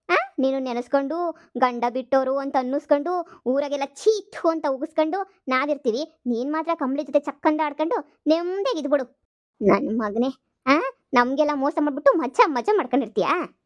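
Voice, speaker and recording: A woman voicing an angry, sharp-tongued village wife in a cartoon comedy, cursing in a rapid tirade. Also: sits high, animated, no echo. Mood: furious scolding. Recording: slightly dull, dry dub.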